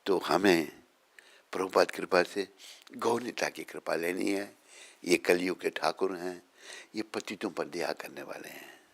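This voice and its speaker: A man's voice: deep voice, a little slow, pauses often, fairly bright tone. A man, a swami, giving a morning sermon, telling stories, chiding listeners and chanting prayers. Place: temple gathering.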